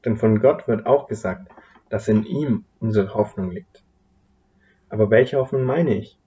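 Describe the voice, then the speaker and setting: A man narrating a story calmly and evenly as a podcast narrator, in a slightly muffled recording. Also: fairly low pitch, a little slow. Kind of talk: storybook reading.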